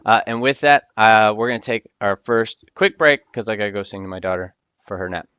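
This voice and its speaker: Smooth low-voiced male game master. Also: fairly quick, a bit bright, no echo, muffled recording. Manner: hesitant, many ums and restarts. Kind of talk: narrating a tabletop game over voice chat.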